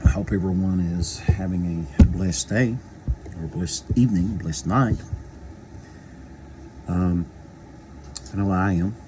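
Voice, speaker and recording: A man's voice: low-pitched, slow, long pauses, background noise. A man, chatting casually as a local video host, rambling and folksy with lots of repeated phrases. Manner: eating while talking. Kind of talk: casual chat to camera.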